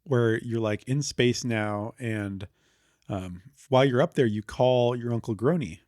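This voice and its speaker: A man chats on a podcast at an ordinary middle pitch, wandering through his retelling with plenty of "like" and "um". The sound is dry and close, with no room in it. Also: a little slow, a little mellow, dry recording. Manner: rambling with many fillers, retelling a game story. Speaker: podcast co-host. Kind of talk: casual chat.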